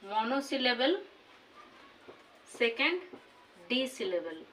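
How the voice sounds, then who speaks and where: A woman teaching a grammar lesson, slowly repeating each example word. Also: on the high side, very animated, fairly bright tone, slight background noise. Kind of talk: classroom lesson. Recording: voice from far off the mic.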